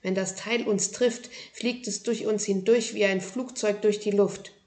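A woman's voice: medium pitch, steady tone, a little slow, a little mellow, roomy sound, natural voice. A woman voicing a helpful robot cat. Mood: matter-of-fact.

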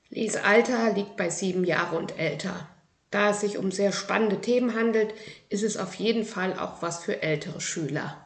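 A woman presenting a children's book series and reading from it aloud, in a calm, clear, measured way. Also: mid-range voice.

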